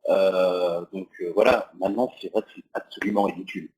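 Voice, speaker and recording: A French man chats casually on a podcast, circling his point with plenty of fillers. His voice sits a little low and has a husky edge. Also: steady tone, a little fast, darkish tone, rough recording. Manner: rambling, many fillers. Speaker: podcast co-host. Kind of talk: casual chat.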